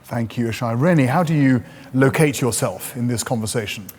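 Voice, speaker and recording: A man moderating a seminar panel, introducing speakers in a formal, steady way. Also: medium pitch, brisk, husky.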